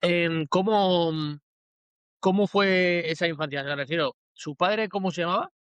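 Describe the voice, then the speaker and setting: A man's voice: high-pitched, measured pace, fairly bright tone, smooth, no echo, highs cut off. A man from Spain hosting a podcast interview, asking questions with some hesitant fillers. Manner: formal scripted intro, then hesitant questions. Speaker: podcast host.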